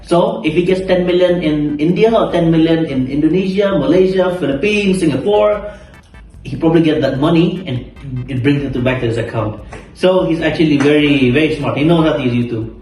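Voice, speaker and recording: A man's voice: a little high, fairly quick, a little mellow. A young man, a content creator, chatting casually and emphatically, repeating his words and swearing freely. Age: young adult. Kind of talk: casual chat during a mukbang. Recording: echoey room, distant mic, background music.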